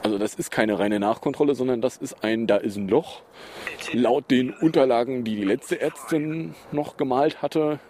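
A man's voice: mid-range voice, moderate pace, hardly any pauses, a little mellow, slight background noise. A man hosting a casual personal podcast, talking in a chatty, rambling way with many fillers and self-corrections. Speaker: podcast host.

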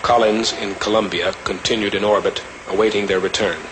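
A man with a lowish voice narrates a documentary from a script. His delivery is measured and formal, on a noisy archival film soundtrack. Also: fairly even intonation.

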